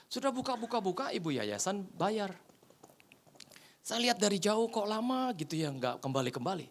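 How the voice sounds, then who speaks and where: A man's voice: sits high, normal speed. A male pastor preaching a humorous sermon, telling a story and acting out the voices in it. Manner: animated, acts out the voices in his anecdotes. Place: church.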